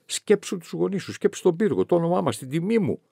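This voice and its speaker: A man's voice: sits high, very animated, vocal fry, mellow, breathy edge, no echo, clean studio sound, voice pushed up, heavily acted. A man voicing a stern, insistent old father who speaks in a commanding way, in an audiobook reading.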